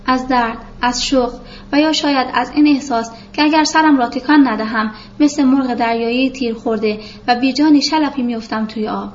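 A woman reading a literary novel aloud in a calm, measured storytelling voice, on a dull lo-fi recording with faint hiss. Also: high-pitched. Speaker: narrator. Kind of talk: literary audiobook narration.

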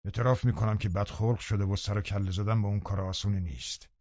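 A man's voice: lowish voice, steady tone, no echo, dull audio, close to an everyday voice. A man voicing a scheming, brooding middle-aged landowner who talks in a menacing way. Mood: grim low. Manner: menacing, then loudly pleading.

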